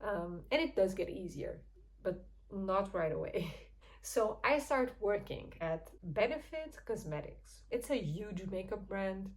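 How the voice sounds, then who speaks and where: Very animated yet measured in pace, a young Portuguese woman recounts a personal story to camera for her channel, speaking English with her native accent. Her voice is medium-pitched, her manner chatty and candid with frequent soft laughs, and the recording is rough.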